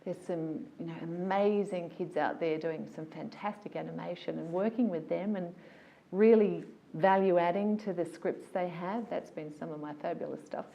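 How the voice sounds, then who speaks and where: A woman, a voiceover artist telling stories about her career in a casual, animated, enthusiastic interview. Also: on the low side, normal speed, creaky.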